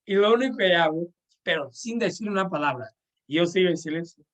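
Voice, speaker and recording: A man's voice: high voice, expressive, a little fast. Man telling a story in Spanish. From Portugal. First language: Portuguese. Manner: warm anecdotal, frequent "sabes?" and restarts. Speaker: pilgrim and host. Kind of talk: casual storytelling in conversation.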